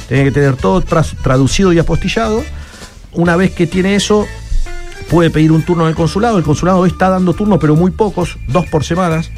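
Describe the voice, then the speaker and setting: A man's voice: fairly high pitch, a little fast, a little mellow, faint music behind. A man from Italy, a radio guest who explains citizenship matters with many restarts and repeated words. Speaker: guest advisor on Italian citizenship.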